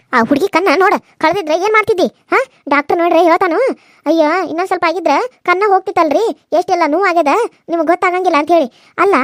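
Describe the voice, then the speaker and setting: A woman voicing a scolding middle-aged mother-in-law in a cartoon serial, with a North Karnataka Kannada accent and a sharp, rapid way of talking. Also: very high voice, dry recording, studio quality. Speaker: voice actor.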